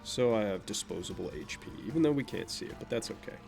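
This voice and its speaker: Game music runs under a young Vermonter's animated, quick, gravelly voice, which sits on the low side and is naturally nasal. He offers rambling gameplay commentary and offhand, self-deprecating talk about his life.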